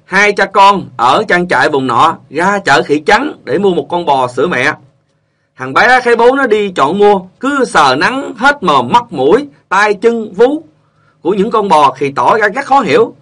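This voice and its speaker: High, bright male joke narrator. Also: big pitch swings, measured pace. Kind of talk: narrating funny stories.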